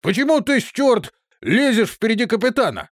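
A man's voice: fairly high pitch, wildly swooping pitch, moderate pace, dry recording. A man voicing a pompous male onion-headed clone captain who blusters and boasts, in an audiobook reading.

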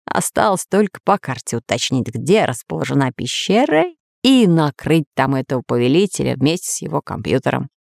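A woman voicing a sensible male professor in a children's story, speaking lower and measured. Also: very animated, creaky, darkish tone, dry recording, studio quality, heavily acted. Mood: calm. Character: sensible older male professor, calm and thoughtful.

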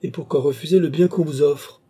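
Brief: acrimonious philosopher, voiced by a male narrator, dark and husky. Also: medium pitch, a little fast, pitched above the performer's own voice, lightly acted. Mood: bitter. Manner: sour, acrimonious. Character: bitter, suspicious aging philosopher.

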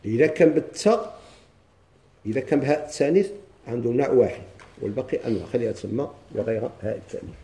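Moroccan male teacher, very dark mellow voice, drills the class with questions. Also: medium pitch, lively intonation. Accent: Moroccan Arabic. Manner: questions the class and answers himself, reads lines slowly. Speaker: grammar teacher. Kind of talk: classroom lesson explaining a text.

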